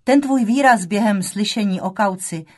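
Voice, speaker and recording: A woman's voice: medium pitch, close to an everyday voice. A woman voicing a grown daughter who confesses in a hesitant, trembling way in an audiobook. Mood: shaken. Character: adult daughter, shaken and confessing.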